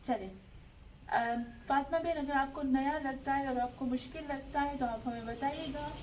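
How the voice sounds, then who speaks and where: A woman teaching Quran recitation rules in an online class, patiently drilling pronunciation and repeating words slowly. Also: high voice, fairly even intonation, a little mellow. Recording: distant mic with faint background noise.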